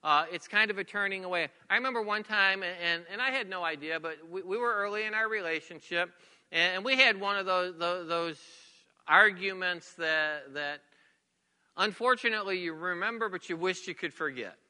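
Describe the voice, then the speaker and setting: Middle-aged guy preaching in church, high bright voice, lots of hall echo, goes loud then real soft telling stories. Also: normal speed, smooth. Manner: storytelling, shifts between loud emphasis and soft near-whispers. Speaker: pastor. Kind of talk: sermon. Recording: long reverb of a large hall.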